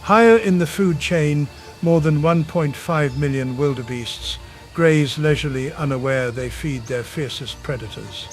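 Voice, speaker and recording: Guy doing nature documentary voiceover, fairly high voice, dramatic and measured, music going behind him. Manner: dramatic, measured, portentous delivery. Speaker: documentary narrator. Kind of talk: nature documentary scripted narration.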